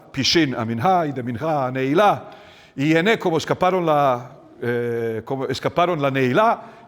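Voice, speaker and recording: Male folklorist guide with a Bosnian accent, fairly high voice, unhurried storyteller, dry close sound. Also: dry recording. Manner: storytelling, unhurried with many restarts. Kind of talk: guided walking tour talk.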